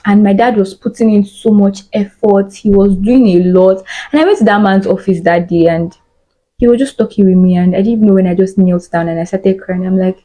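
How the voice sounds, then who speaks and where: Mellow-voiced young Nigerian woman. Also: mid-range voice, brisk, poor audio. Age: 20s. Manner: candid, emotional, repeats phrases for emphasis. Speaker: podcast guest. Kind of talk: casual storytelling chat.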